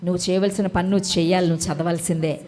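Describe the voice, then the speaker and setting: A woman's voice: fairly low pitch, fairly even intonation, racing, a little mellow. A woman preaching a sermon with emphatic rhetorical questions and repetition, speaking straight to her listeners. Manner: talks straight to listeners by name.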